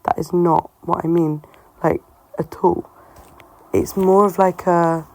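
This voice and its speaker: A woman talking casually and reflectively to her listeners, musing in a halting way, her voice affected by a sore throat. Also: on the low side, fairly even intonation, darkish tone, low-quality recording. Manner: halting, musing, self-questioning. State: sore-throated, unwell-sounding voice. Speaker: solo host of a personal talk show.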